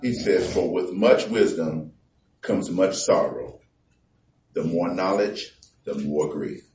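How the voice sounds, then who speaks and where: A man preaching in a loose, conversational way. He slows down and presses hard on the scripture he reads aloud. The recording is roomy and distant, with faint background noise. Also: low-pitched, darkish tone. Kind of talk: sermon. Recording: echoey room from far off.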